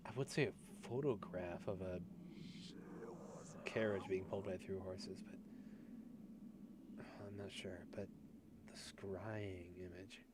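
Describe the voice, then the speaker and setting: Low-voiced man muttering through a game. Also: steady tone, slow pace, long pauses. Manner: muttering asides, swearing, unsure. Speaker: gameplay commentator. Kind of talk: casual let's-play commentary. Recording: noisy home gameplay recording.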